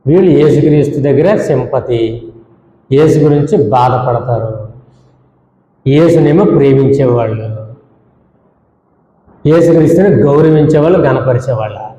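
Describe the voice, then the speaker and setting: A male pastor with a medium-pitched, dark voice speaks a little slowly, leaving long pauses. He scolds his congregation through rhetorical questions and repeated lists, and the church hall recording is dull and echoey with long reverb.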